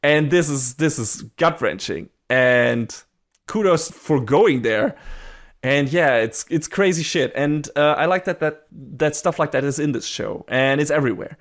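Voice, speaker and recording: A man's voice: on the high side, expressive, measured pace. A man co-hosting a podcast, chatting casually in a rambling way, swearing and laughing often. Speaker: podcast co-host.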